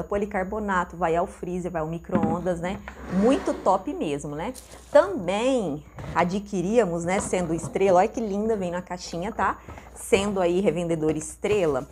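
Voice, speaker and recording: A woman from Brazil chatting excitedly to her viewers while unboxing kitchenware at home. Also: medium pitch, slight background noise. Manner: chatty and gushing, calls viewers "amores". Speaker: vlogger unboxing and reselling kitchenware. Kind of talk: casual unboxing chat to viewers. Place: home room with a mirror.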